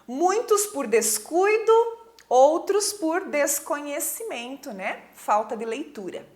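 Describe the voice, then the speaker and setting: A woman's voice: high-pitched, animated, slow, a little mellow. A woman teacher with a Brazilian Portuguese accent, giving a recorded lesson in a patient, explanatory way and often checking that students follow.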